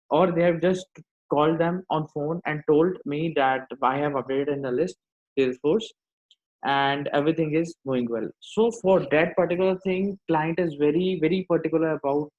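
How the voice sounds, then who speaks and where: A man with an Indian accent giving a step-by-step software tutorial, often repeating his phrases for emphasis. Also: fairly high pitch. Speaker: software instructor. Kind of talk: screen-demo tutorial, explaining step by step. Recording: dull lo-fi microphone sound.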